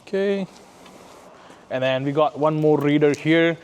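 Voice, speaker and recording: Smooth and a little high, his darkish voice moves at a measured pace, and the audio sounds dull. He's an installer casually demonstrating and explaining things on site in a residential building, lobby through parkade, often adding "right?" to his sentences.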